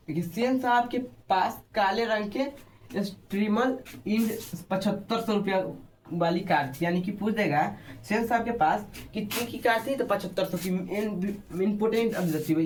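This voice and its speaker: A man with a Bihari Hindi accent and a high voice teaches an exam-prep lesson at normal speed. He quizzes his students with short questions and repeats the answers back to them.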